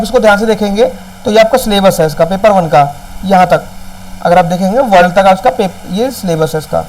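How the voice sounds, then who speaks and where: A man's voice: sits high, darkish tone, slight background noise, rough recording. A man coaching exam candidates in a casual step-by-step tutorial, often checking in with the viewer. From India. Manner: talks directly to viewers, explains step by step, checks in with "ठीक है?".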